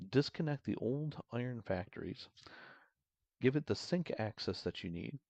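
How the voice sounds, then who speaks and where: A man doing a measured, announcer-like narrator voice as he reads advice aloud. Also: medium pitch, vocal fry, darkish tone, no room sound, exaggerated voice. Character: steady male narrator reading advice.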